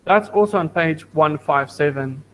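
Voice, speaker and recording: A man's voice: a little high, normal speed, fairly bright tone, a little hiss or hum, poor audio. A man teaching a science lesson to a primary school class over an online video call, patient, repeating points and asking the class questions. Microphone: computer mic on video call.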